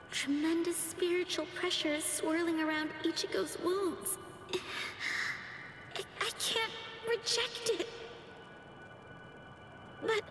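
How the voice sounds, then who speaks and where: A woman playing a gentle, frightened young healer in a game cutscene, pleading and tearful. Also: extremely high pitch, full character voice, low-quality recording.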